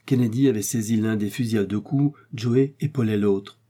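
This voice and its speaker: A man narrating a classic adventure novel with a measured, dramatic delivery. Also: on the low side, mellow, breathy edge. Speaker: audiobook narrator.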